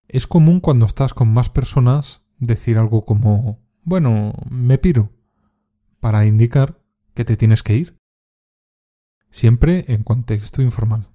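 A man from Spain teaching informal Spanish words, speaking slowly and carefully and repeating each word for practice. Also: mid-range voice, warm tone. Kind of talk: scripted slang lesson with repeat-after-me drills.

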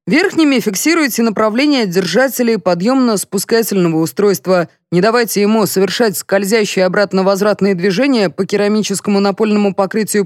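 A woman's voice: medium pitch, dry recording, clean studio sound, pitched above the performer's own voice, lightly acted. A woman reading an audiobook, voicing a portly, pompous middle-aged male police colonel who lectures and bosses everyone around. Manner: lecturing, condescending, bossy. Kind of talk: audiobook character voice.

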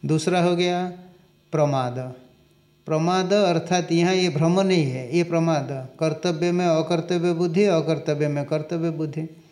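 A man giving a scripture lecture, reciting Sanskrit lines slowly and explaining them, asking questions and answering them himself. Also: a little high, steady tone, darkish tone. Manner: slow and deliberate, recites Sanskrit and explains it in Hindi. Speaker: Vedanta teacher.

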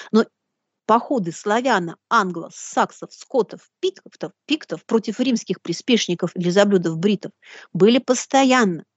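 Woman lecturer, medium pitch, deliberate and bookish, dry close sound, kinda lo-fi. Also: a little mellow, no room sound. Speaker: lecturer hosting a live broadcast. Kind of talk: lecture with read-out quotations.

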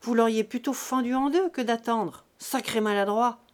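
A woman's voice: a little high, lively intonation, normal speed, darkish tone, lightly acted. Woman playing a hearty, brusque country vet. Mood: jovial scolding. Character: jovial blunt country veterinarian man, middle-aged.

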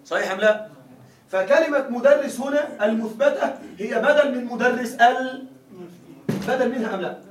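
A man's voice: extremely high pitch, slight background noise. A man teaching a grammar lesson in a classroom, asking his students again and again whether they follow. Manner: keeps asking students to confirm. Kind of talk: classroom lecture. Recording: echoey room, mic far away.

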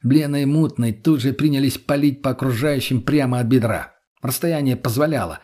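Husky, dark-voiced male audiobook narrator. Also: mid-range voice, fairly quick. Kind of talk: first-person audiobook narration.

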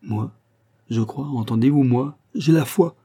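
Pompous, boastful gambler, read by a man; dark and husky. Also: mid-range voice, unhurried. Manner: pompous, sententious.

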